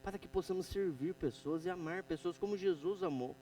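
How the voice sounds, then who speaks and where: A middle-aged Brazilian man with a Brazilian Portuguese accent preaching a sermon, moving between loud exhortation and quiet storytelling. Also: sits high, brisk, distant mic, slight background noise, rough recording.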